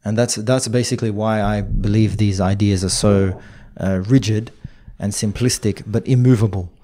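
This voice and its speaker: A man's voice: fairly low pitch, steady tone, normal speed, dark tone. A man co-hosting a podcast, talking in a casual, rambling way with many restarts. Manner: rambling, lots of fillers and restarts. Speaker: podcast co-host. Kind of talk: casual discussion.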